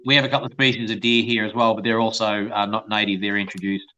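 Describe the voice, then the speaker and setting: Man heard over a lo-fi conference call, bright tense voice, explains at length with lots of ums. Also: on the low side, level tone, quick pace. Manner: long explanations, frequent uh and um. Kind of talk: casual chat. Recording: dull lo-fi call audio.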